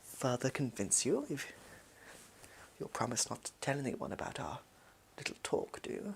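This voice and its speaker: A performer of unclear sex voicing a pompous, shady villain in an improvised role-play, with a put-on posh English accent and an over-precise, halting, evasive manner. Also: medium pitch, very animated, vocal fry, a little hiss or hum. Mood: slyly persuasive.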